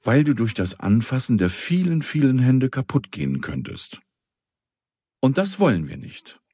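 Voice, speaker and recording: A man voicing a kind, lively little girl in a children's story, speaking earnestly and coaxingly. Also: mid-range voice, moderate pace, slightly rough, no echo, studio quality, voice pushed up. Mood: gentle.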